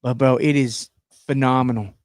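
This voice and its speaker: Man, podcast co-host, casual crude banter, mid-pitched voice, dry close sound. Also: steady tone, normal speed, no echo. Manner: crude, joking, bursts into loud laughs. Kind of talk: casual chat.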